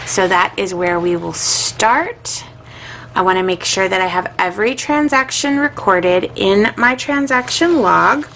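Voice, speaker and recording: A middle-aged woman talks casually to her viewers as she works through her budget at a home desk. Her voice sits at an ordinary middle pitch, and she muses aloud with lots of um's. A faint hiss of room noise sits behind her. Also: measured pace, a bit bright, low-quality recording. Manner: chatty, musing aloud with filler words. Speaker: budgeting vlogger. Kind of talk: casual chat while budgeting.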